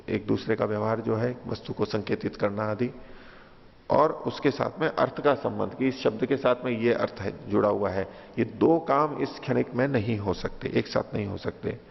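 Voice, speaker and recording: A man with a gravelly, creaky voice teaches scripture line by line, reciting a verse and then patiently restating its meaning. The recording is dull and lo-fi, with a long hall reverb trailing behind his words. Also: medium pitch. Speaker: teacher of philosophy.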